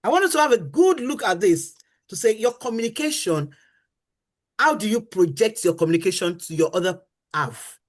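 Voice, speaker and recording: With a medium-pitched, expressive voice at a moderate pace, a middle-aged woman teaches about marriage on a faith-based talk show. She speaks earnestly and emphatically, repeating key phrases and acting out spouses' words.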